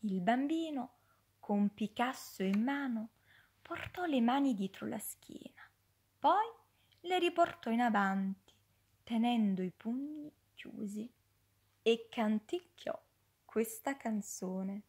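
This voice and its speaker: A woman reading a children's story aloud in an expressive way, often dropping into a hush. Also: fairly high pitch, slow, husky.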